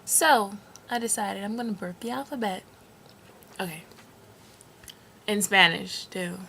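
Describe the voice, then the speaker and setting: A woman's voice: mid-range voice, moderate pace, creaky, slight background noise. A woman vlogger chatting casually to her viewers in a playful, giggly, informal way. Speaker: podcast host and video vlogger. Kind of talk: casual vlog chat to camera.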